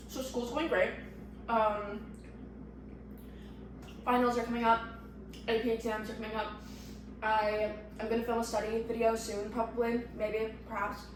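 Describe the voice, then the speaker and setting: In this home vlog, a teenage girl who is unwell rambles chattily to the camera, poking fun at herself. Her slightly high voice is flat and a little slow, with long pauses. It's captured from afar, off mic, in an echoey room with faint background noise.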